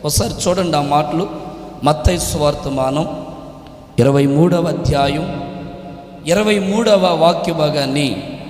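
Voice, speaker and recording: A man preaching a sermon as a pastor, with a Telugu accent, building to impassioned shouts and calling on the congregation to answer him. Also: a little high, measured pace, long pauses. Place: church hall. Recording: echoey church hall with long reverb.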